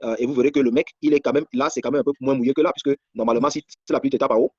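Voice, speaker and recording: Fast-talking husky guy from cameroon, dry muffled mic sound. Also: mid-range voice, steady tone, dry recording. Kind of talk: casual commentary on photos.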